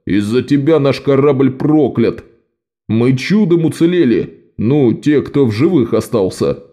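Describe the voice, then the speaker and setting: A man's voice: mid-range voice, animated, measured pace, dark tone, voice pushed up, natural voice. A man voicing a stern, commanding male ship captain in an audiobook. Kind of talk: audiobook character voice.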